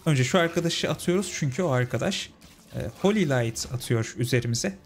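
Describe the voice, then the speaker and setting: A man's voice: mid-range voice, expressive, fairly quick, faint music behind. A young man giving casual let's-play commentary, chatting with his viewers as friends. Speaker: gaming channel host.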